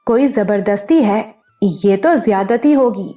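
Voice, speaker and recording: Female narrator doing bashful young woman, hesitant and stammering, higher mellow voice. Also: animated, faint music behind, close to an everyday voice. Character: shy, innocent young woman. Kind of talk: audiobook character voice.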